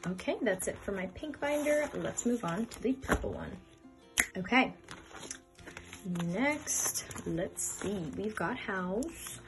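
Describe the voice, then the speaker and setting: In a cash-stuffing vlog set to background music, a woman in her twenties counts money out loud and fills budget envelopes, occasionally getting flustered. She speaks slowly in an animated, mid-range voice.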